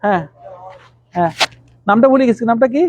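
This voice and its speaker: A man teaching Arabic letters to a class, calling on students by name and repeating letter sounds slowly. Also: very high-pitched, darkish tone, no room sound, highs cut off.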